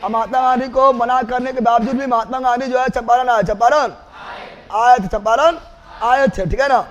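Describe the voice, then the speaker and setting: A man's voice: very high voice, steady tone, moderate pace, muffled recording. A man teaching a class, repeating key names again and again and teasing his students. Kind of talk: classroom lecture.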